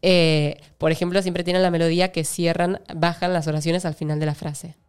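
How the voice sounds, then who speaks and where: A woman with an Argentine Spanish accent, an actress chatting as an interview guest, explaining at length with fillers and quick laughs. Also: lowish voice, level tone, darkish tone, clean tone. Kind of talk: casual interview chat.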